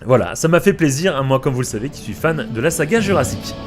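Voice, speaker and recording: A man's voice: mid-range voice, lively intonation, quick pace, over music. A young man, narrating a theme park tour vlog in a chatty way, with many fillers and asides. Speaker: vlogger touring a theme park. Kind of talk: casual vlog voice-over.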